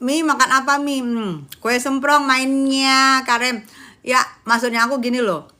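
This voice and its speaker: Live-stream host, woman, bright higher voice, chatty and laughing. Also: fairly even intonation. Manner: chatty, laughing, quick swings between loud and hushed. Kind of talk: casual live-stream chat.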